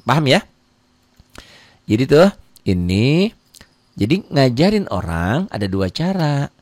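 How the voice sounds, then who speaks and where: A man's voice: sing-song, darkish tone, no echo, studio quality. A middle-aged man teaching Quran reading in a casual, chatty live online lesson, answering viewer comments and acting out little dialogues, sounding a bit tired. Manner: casual, chatty teaching with quick pitch jumps and acted-out dialogue.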